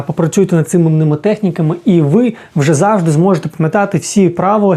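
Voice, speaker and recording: A man teaching a casual video lesson as an English teacher, explaining slowly and often checking in with the listener. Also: high-pitched, mellow.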